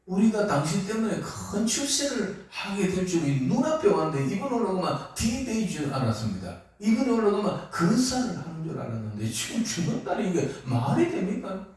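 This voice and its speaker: A man's voice: high-pitched, sing-song, a little fast, few pauses, darkish tone, pitched above the performer's own voice. A man voicing a desperate male disciple who pleads indignantly with his master. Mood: pleading. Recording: echoey hall, mic far off.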